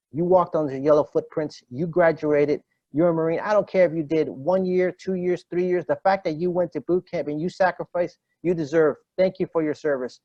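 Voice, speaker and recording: On a podcast, a man in his fifties who retired as a Marine master gunnery sergeant shares stories in a relaxed interview, performing quoted dialogue with plenty of fillers and restarts. His voice is fairly high and darkish, and the recording is muffled with no room sound.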